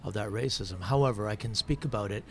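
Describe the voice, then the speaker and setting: This stand-up comedian has a lowish voice and talks fast while chatting casually on a podcast. He thinks out loud, restarting his sentences often, and there's noise in the background.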